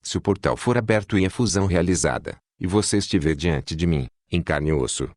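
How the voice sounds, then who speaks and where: A man's voice: deep voice, expressive, a little fast, a little mellow, no echo, studio quality. A man reading a defiant woman witch. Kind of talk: audiobook character reading.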